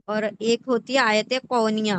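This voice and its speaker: With little pitch movement, a slightly high and fairly bright voice, and a bit of hiss or hum, a woman patiently explains the Quran word by word. She splits words into parts and frequently checks in with the listener using rhetorical questions.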